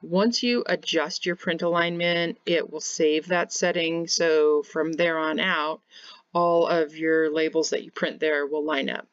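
A home bakery business teacher from Kansas, United States, explains labels step by step in a screen-share software tutorial captured by a webcam in the corner of the screen. Her low voice is steady, unhurried, clear, and resonant, in a dry recording with the highs cut off.

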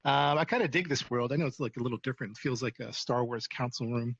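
Casual upbeat pastor, dull lo-fi sound. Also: male voice, medium pitch, fast, creaky, husky, no echo. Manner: relaxed, chatty, upbeat. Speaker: pastor and host. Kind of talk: casual church welcome. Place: virtual reality chat room.

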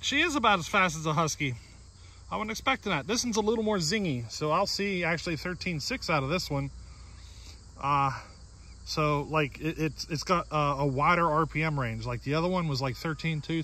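Outdoor vlogger, man in his 40s, a touch higher-pitched, casual rambling with chuckles, crickets chirping behind. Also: sharp tone. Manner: rambling, chuckling, filler-heavy. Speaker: chainsaw builder. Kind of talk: casual workshop vlog. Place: outdoors in a grassy yard. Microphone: camera close up, handheld.

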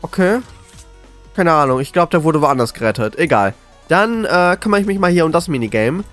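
A man commentating live on a horror game as a scared, jittery streamer, excitable and often repeating words. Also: on the high side, brisk, faint music behind. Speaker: gaming video creator.

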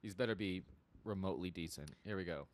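A man's voice: sits low, fast. A man co-hosting a gaming stream with wry, sardonic commentary. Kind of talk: casual let's-play banter.

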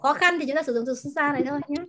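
A woman teacher in an online class, patiently explaining words and pronunciation and repeating them slowly over a video call. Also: high-pitched, pushed and bright. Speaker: language teacher.

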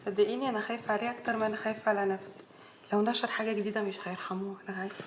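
A woman's voice: mid-range voice, little pitch movement, rapid-fire, echoey room, slight background noise, lightly acted. An actress playing a worried but reassuring woman friend, speaking insistently with an Egyptian accent. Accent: Egyptian Arabic.

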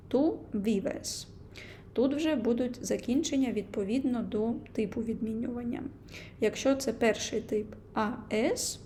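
A young woman teaching a language lesson, explaining grammar slowly and carefully, with frequent hesitations. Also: on the high side, mellow, a little hiss or hum.

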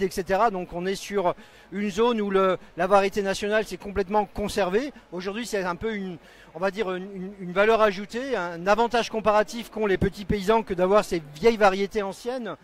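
A man in his forties with a fairly high voice hosts a live stream at a crowded trade stand. He explains fluently and at length, holding a handheld mic in a big indoor exhibition hall. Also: steady tone, normal speed. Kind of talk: live event interview and explanation.

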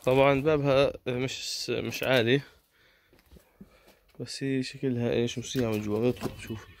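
A man with a Palestinian Arabic accent giving unscripted, observational commentary while filming in a rock cave, pausing to speculate. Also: medium pitch, little pitch movement. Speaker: cave explorer filming and narrating. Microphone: handheld phone or camera. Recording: faint noise, handheld camera audio.

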